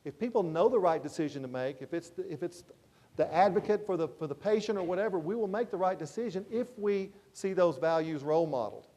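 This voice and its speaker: A man giving a motivational keynote on a conference stage, telling stories in an animated way and repeating his key points. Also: high voice, quick pace. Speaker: keynote speaker.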